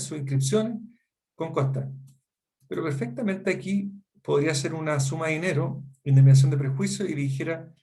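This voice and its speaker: This law lecturer is a middle-aged Chilean man whose Spanish accent colors a fairly high, darkish voice. Running a seminar, he explains points and often asks the students rhetorical questions to confirm they're keeping up.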